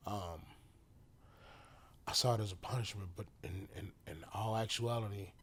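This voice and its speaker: A man telling his personal story as a podcast guest, halting and full of restarts, sometimes dropping to a whisper. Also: on the low side, breathy edge. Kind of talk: emotional personal testimony.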